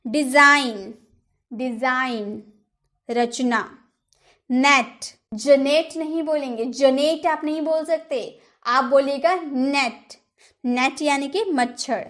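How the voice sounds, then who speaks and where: High-voiced woman teaching slowly. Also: steady tone, fairly bright tone. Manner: patient, asks the class rhetorical questions. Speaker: English teacher. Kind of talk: classroom lesson.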